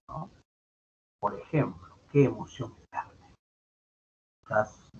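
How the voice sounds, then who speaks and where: He speaks at medium pitch with a slightly bright tone while leading an online grammar class. Patient in his explanations, he repeats points and uses tag questions, captured in dull lo-fi audio with a faint background hum of noise.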